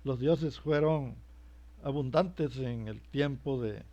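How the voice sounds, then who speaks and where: A preacher gives a sermon-style religious teaching in a slow, warm, mid-range voice. He sounds hesitant, repeating words and asking himself rhetorical questions, and the recording is muffled and lo-fi.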